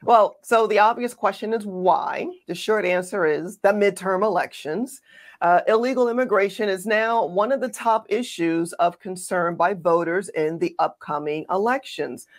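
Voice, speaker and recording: A woman's voice: medium pitch, moderate pace. Sarcastic, emphatic woman commentator. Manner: emphatic, sarcastic, addresses the audience directly. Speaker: co-host of a political commentary show. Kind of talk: opinionated political commentary.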